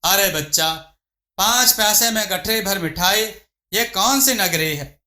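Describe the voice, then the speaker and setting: A man's voice: high voice, slow pace, bright, forceful tone, heavily acted. A man voicing an old holy guru who speaks in a grave, admonishing way, in an echoey room. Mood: gentle. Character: old holy male guru, cautious and stern.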